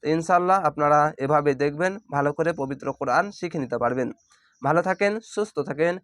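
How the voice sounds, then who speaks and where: Man spelling out syllables, higher voice. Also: a bit bright, clean tone, no echo, studio quality. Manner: spells out syllables slowly, then chants the word drawn out. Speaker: Quran reading teacher. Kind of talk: step-by-step spelling lesson.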